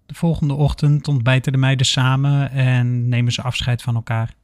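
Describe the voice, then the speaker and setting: A man narrating a scripted horror story in a steady, measured way. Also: medium pitch, no echo, clean studio sound.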